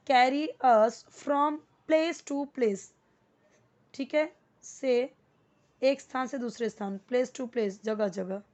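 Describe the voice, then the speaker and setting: A woman teaching English to beginners, patiently repeating each word slowly and breaking it into parts. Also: a little high, a little mellow. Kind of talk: spoken English lesson for beginners.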